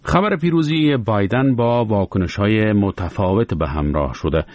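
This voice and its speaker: A man anchors the news in a lowish voice. His formal read rises and falls. The sound is dry and close. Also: animated, darkish tone, no room sound. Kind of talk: news report.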